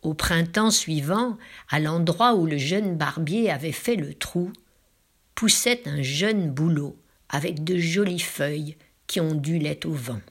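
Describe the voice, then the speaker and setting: Slow husky-voiced woman telling a tale. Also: low voice. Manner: drops into hushed whispers for emphasis; slow, drawn-out dramatic phrasing. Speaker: storyteller. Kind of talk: told folk tale.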